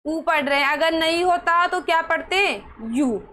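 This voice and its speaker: A woman's voice: very high voice, normal speed, bright, forceful tone, poor audio. A woman teaching English pronunciation rules, who keeps asking her students questions and then answers them herself. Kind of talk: explaining spelling rules to students.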